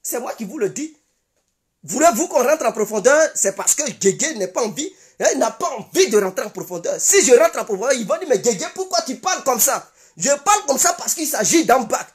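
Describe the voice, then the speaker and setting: Ivorian woman, political commentator, high voice with wide swings, emphatic and repetitive. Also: very animated, a little fast. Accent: Ivorian French. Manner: emphatic, repeats insistent declarations. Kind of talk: impassioned political commentary monologue.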